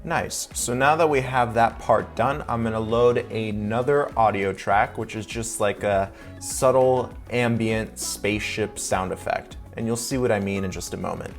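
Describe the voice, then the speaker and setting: In this sponsored editing tutorial, the young male host talks in a lowish voice at a moderate pace, hardly stopping to pause. He's a video editor who explains every step cheerfully and casually, with faint music in the background.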